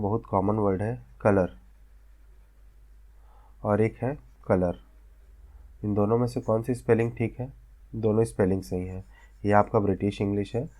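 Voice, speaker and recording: Speaking in a low, warm voice, an Indian vocational instructor gives a classroom lecture. He breaks things down into steps and often asks whether his students are keeping up.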